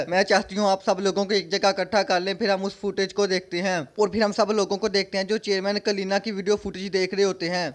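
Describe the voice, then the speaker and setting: A man narrates an anime plot in a relaxed, chatty way. His voice sits high and stays fairly even in pitch. Now and then he breaks off to make sarcastic remarks about the characters. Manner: retells dialogue in third person, adds sarcastic comments. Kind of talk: casual storytelling recap with joking asides.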